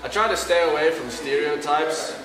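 A man's voice: a little high, moderate pace. A young man from Cape Town with a South African accent, a comedian answering interview questions in a self-mocking, joking way with plenty of fillers. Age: young adult. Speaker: comedian guest. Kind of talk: casual interview chat. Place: indoor studio set, couch. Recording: echoey room.

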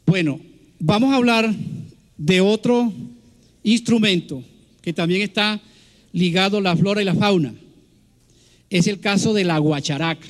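A man, a biologist giving a public science lecture over slides, explaining in a halting way with fillers and restarts. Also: high voice. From Colombia. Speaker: biologist guest speaker. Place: large public event hall.

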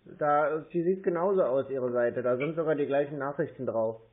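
A scam-baiter posing as a customer talks on the phone in a mid-range voice at a moderate pace. His manner is casual and colloquial, matter-of-fact with slight hesitation, and the call sounds tinny and band-limited.

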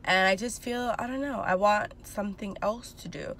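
A twentysomething vlogger chats into her phone, held at arm's length, while parked in her car, rambling candidly with lots of fillers. Her mid-range voice is a bit bright and moves at a normal speed, with a little hiss or hum in the background.

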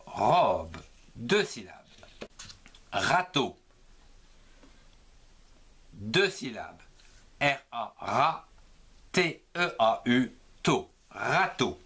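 A man teaching children to split words into syllables, slowly spelling each part letter by letter. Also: medium pitch, sing-song, fairly bright tone, breathy edge. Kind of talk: slow spelling lesson for children.

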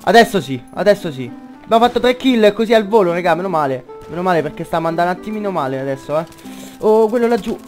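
A young man doing excitable gameplay commentary, swearing a lot and shouting in bursts. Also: high-pitched, fast talker, faint music behind. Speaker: gaming YouTuber.

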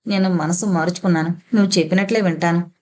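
Proud young heroine in an audio novel, read by a woman, firm scornful tone, lowish voice. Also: fairly even intonation, quick pace, a little mellow, lightly acted. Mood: coy. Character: proud defiant young woman, held captive.

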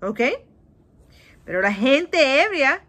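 Her voice is high and her pace slow: a thirtysomething Puerto Rican woman with a Puerto Rican Spanish accent, leading a children's Bible lesson on a webcam video call in a small room indoors. She animates the story by voicing its people, mixes in English, and keeps asking "¿ok?"

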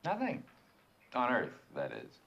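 An actor playing an American husband possessed by a flirtatious English ghost, speaking in an English accent with a clipped, sly manner in a 1970s sitcom. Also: male voice, medium pitch, huge pitch swings, a little slow, vocal fry, dull audio, full character voice. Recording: hissy old TV soundtrack.

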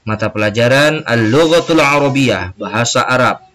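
A man's voice: medium pitch, normal speed, a bit bright. A man with an Indonesian accent teaching a recorded Arabic lesson for children, drawing out words and repeating them for pupils to echo.

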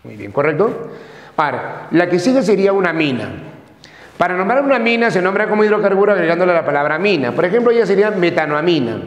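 A man's voice: high voice, animated, fast talker, muffled recording. A man from Peru lecturing a chemistry class, who repeats each term and keeps checking that the students follow. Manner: repeats terms, checks with frequent questions. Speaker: chemistry teacher. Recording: echoey classroom with long reverb.

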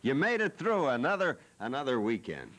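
A man's voice: mid-range voice, wildly swooping pitch, moderate pace, fairly bright tone. A man hosting a cable TV talk show from a studio, joking and teasing in a rambling way. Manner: playful, teasing.

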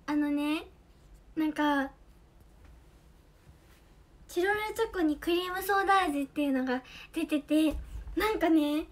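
Young female idol streamer, very high voice, a bit hoarse, chatty and upbeat as she reads out comments. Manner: chatty, bubbly, thanks viewers by name. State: slightly hoarse voice. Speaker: idol livestreamer. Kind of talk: casual livestream chat, reading viewer comments. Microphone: earphone mic.

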